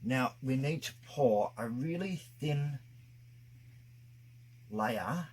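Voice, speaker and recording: Man, muffled through face mask over mouth, slightly husky, slow-paced, casual step-by-step craft tutorial. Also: medium pitch, lively intonation. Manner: unhurried, explaining step by step. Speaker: craft video host. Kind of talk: casual hands-on tutorial narration.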